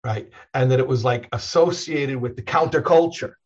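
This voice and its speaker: A man, a rabbi, telling stories in a casual, animated conversation, often chuckling and restarting his sentences. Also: medium pitch, moderate pace, highs cut off.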